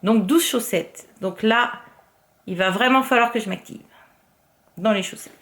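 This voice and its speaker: A woman vlogger in casual show-and-tell chat, talking her way through her crafts with many fillers and the odd soft murmur. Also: mid-range voice, unhurried. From France. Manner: chatty, filler-heavy, often drops to a soft murmur.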